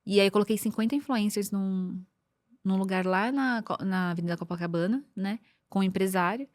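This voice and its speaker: Brazilian woman guest, mid pitch, dry close sound, storytelling with frequent throat clearing. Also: fairly quick, darkish tone, no echo. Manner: storytelling, clears her throat often, trails off and restarts. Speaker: podcast guest, marketing mentor. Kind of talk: personal testimony in casual conversation.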